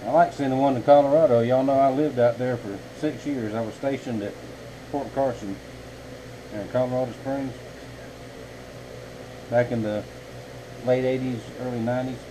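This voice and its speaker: A man's voice: medium pitch, steady tone, moderate pace, long pauses, noisy background. A man, a knifemaker chatting casually and folksily to his viewers from his home workshop. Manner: rambling, folksy, talks to viewers as y'all. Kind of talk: casual vlog chat.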